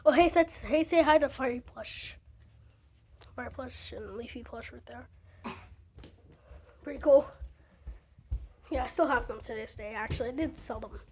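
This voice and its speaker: A woman with a slightly raspy voice, chatting casually about her fire alarm collection and rambling with lots of fillers, recorded on a phone. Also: high voice, normal speed, pauses often, a little mellow, slight background noise. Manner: rambling, with many fillers and restarts. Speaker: fire alarm hobby vlogger. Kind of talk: casual show-and-tell chat.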